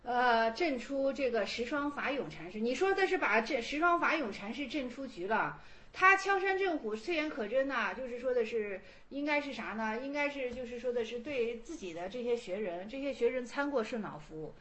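A woman lectures on Chan Buddhist texts in a loose, conversational style, asking her listeners rhetorical questions and acting out the quotes. Her voice is high and swings widely in pitch. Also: animated, moderate pace, a bit bright. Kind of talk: colloquial lecture.

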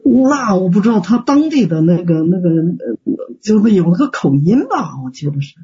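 A man's voice: high voice, big pitch swings, normal speed, mellow, slightly rough. A man teaching Buddhist practice in an online Q&A, plain-spoken and folksy, full of fillers and rhetorical questions. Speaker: Buddhist teacher answering students. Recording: dull lo-fi call audio.

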